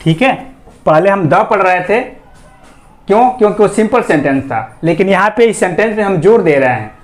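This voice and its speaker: High-voiced man teaching English grammar. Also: expressive, soft background music. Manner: repeats questions to students and answers them himself; reads example sentences word by word, slowly. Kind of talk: explanatory classroom lesson.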